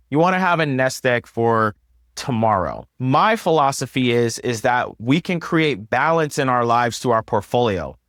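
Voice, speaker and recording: A man's voice: mid-range voice, a bit bright, no room sound, studio quality. A man in his thirties hosting a personal finance video, explaining step by step in an upbeat, conversational way. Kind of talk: explanatory talk to camera.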